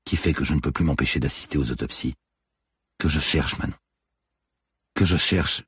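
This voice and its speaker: A man's voice: a bass voice, moderate pace, slightly rough, dry recording, studio quality, exaggerated voice. A man voicing a young woman police officer, terse and commanding. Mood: haunted confiding.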